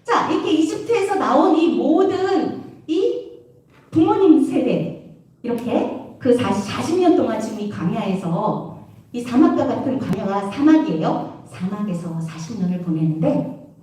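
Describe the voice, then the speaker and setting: A woman youth preacher giving a lively sermon to young people, constantly asking her listeners questions. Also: a little high, unhurried. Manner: animated, keeps asking the audience questions. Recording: echoey hall from far off.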